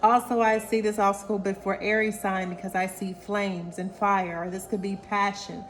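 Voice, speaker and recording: A woman doing a casual oracle card reading, animated and goofy, calling listeners honey and y'all. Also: medium pitch, moderate pace, a little hiss or hum. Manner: animated, playful, calls viewers honey and y'all. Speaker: intuitive oracle card reader.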